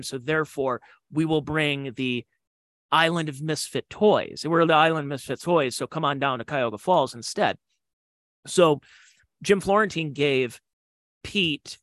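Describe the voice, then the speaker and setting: A man with a fairly high, pushed and bright voice hosts a podcast, recorded dry. He tells comedy club stories in casual, rambling, digressive fashion, tossing in slangy asides.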